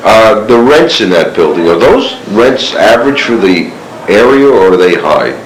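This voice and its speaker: Low-voiced male interviewer on cassette tape. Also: big pitch swings, normal speed. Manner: probing, asks follow-up questions. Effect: old cassette tape recording. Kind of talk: investigative interview questions. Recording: hissy echoey cassette tape.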